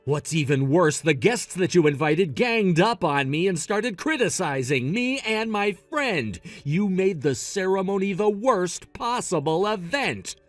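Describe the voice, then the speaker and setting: A man's voice: high-pitched, expressive, a little slow, hardly any pauses, no echo, soft background music. A man voicing a scolding, impatient groom. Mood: angry. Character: blaming, dismissive young groom. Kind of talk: text-story voice acting.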